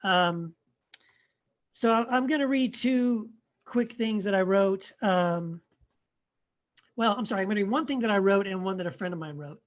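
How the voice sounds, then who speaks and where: A man who writes books and a blog, appearing as a guest reader, introduces his work in a casual, hesitant manner. His voice sits high, and he pauses and restarts often, frequently trailing off quietly.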